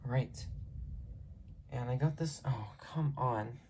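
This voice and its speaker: The voice is medium-pitched, slow, and mellow, with a little hiss or hum on the audio. A hobbyist films an impromptu show-and-tell indoors at home from behind a handheld camera, meandering and correcting themselves.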